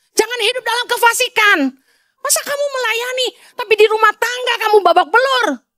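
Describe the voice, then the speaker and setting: Woman pastor from Indonesia, high and animated voice, blunt conversational sermon. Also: dry recording, studio quality. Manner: blunt, conversational preaching with scolding asides.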